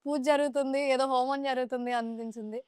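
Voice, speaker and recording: A woman hosts a podcast and asks her guest questions. She listens attentively and often makes short sounds of agreement. Her voice is smooth and slightly high, and the studio sound is dry. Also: steady tone, fast, no echo. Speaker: podcast host. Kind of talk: interview questions.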